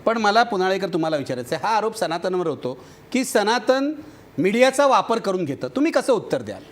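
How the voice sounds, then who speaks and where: Tv anchor guy running a panel, fairly high voice, calm, keeps things on track. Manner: steers the discussion, calm and brisk. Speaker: TV news debate anchor. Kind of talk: moderating a panel debate.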